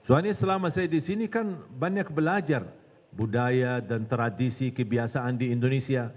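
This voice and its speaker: A man's voice: mid-range voice, normal speed. Man preaching. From Medina. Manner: animated storytelling, acts out dialogue. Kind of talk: religious lecture. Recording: long hall reverb.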